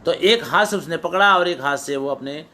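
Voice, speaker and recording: A man's voice: on the high side, normal speed, pushed and bright, a little hiss or hum. A middle-aged male teacher giving a lecture on Sanskrit poetics, quoting verses and glossing them phrase by phrase, often repeating and restarting words.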